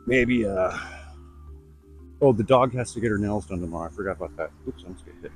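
A man's voice: fairly low pitch, fast, faint music behind, low-quality recording. Chatty middle-aged man walking outdoors. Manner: rambling, chatty, blunt asides. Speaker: vlogger. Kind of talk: casual walk-and-talk vlog. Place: outdoors on suburban streets. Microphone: lavalier mic.

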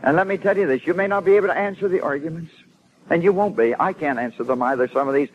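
A man's voice: fairly high pitch, fast, phone-quality sound, a little hiss or hum. A man giving an informal sermon to a congregation, emphatic, with frequent stammered restarts and rising swells of emphasis. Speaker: preacher and former Bible translator.

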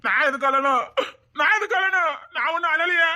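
A man's voice: extremely high pitch, fast talker, pushed and bright, full character voice. An actor with a Tirunelveli Tamil accent playing a jilted young man who whines and stubbornly refuses to accept his loss in a comedy sketch. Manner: whiny, defensive. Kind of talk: comic sketch banter.

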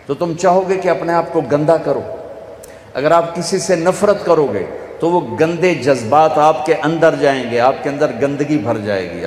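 A man's voice: a little high, a little mellow. A man with a Pakistani Punjabi accent preaching a sermon, telling stories and acting out the dialogue himself. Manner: storytelling, acts out dialogue, switches into Punjabi for punchlines. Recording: echoey hall, faint ambience.

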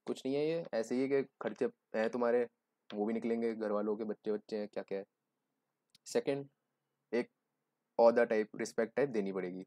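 A man's voice: medium pitch, a little fast, pauses often, dark tone, no room sound. A young man giving a joking, conversational exam-prep lecture, explaining with everyday examples. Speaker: teacher.

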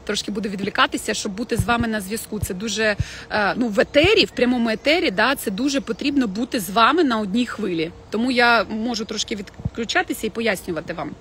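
A woman with a fairly high voice teaches French pronunciation live. She talks to her viewers directly and slows down to model each word. A faint hiss sits under the recording. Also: a bit bright. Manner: chatty, addresses viewers directly, models French words slowly. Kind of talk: casual live-stream lesson. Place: home, in the evening.

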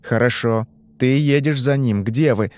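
A man's voice: medium pitch, unhurried, darkish tone, natural voice. A man voicing a stern, bearded male hypnotist in an audiobook, asking curt, demanding questions. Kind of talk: audiobook reading.

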